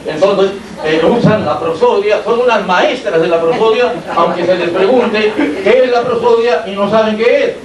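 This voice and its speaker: A man from Peru with a Peruvian Spanish accent gives an academic lecture as a university lecturer. He explains things step by step and keeps checking in with his listeners through rhetorical questions. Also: high-pitched. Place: lecture hall. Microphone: amplified by a sound system, recorded from the room. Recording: echoey hall, distant mic, faint hiss.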